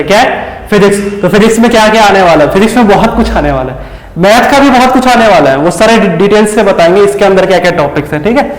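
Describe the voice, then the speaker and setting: A man teaches in a loose, chatty style, constantly checking in with quick questions to his students. His voice sits high. The room rings with a long, echoey reverb. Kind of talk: casual exam-prep lesson.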